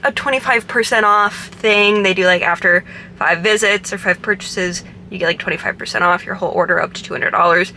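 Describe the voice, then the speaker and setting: A woman's voice: mid-range voice, pushed and bright, a little hiss or hum. A young woman in her twenties talking casually to her camera from a parked car, rambling with many fillers. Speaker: vlogger. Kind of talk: casual vlog chat. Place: parked car in a parking garage.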